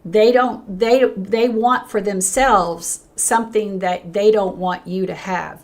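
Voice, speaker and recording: An older woman, a pastor, hosts her own unscripted livestream and reads comments from the chat. Her voice is worn hoarse and fading, she speaks with earnest emphasis and often restarts phrases, and her pitch lifts brightly when she greets viewers.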